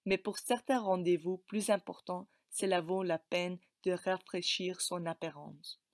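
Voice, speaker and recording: A woman giving a scripted presentation of advice in a calm, advisory way. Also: fairly low pitch, a little slow, dry recording, studio quality. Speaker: student presenter.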